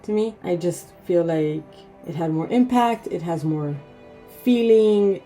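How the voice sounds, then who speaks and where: Israeli woman vlogger, low mellow voice, chatty and rambling, faint music behind. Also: a little slow. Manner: chatty, rambling, many fillers and restarts. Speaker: film reviewer. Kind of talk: casual video review.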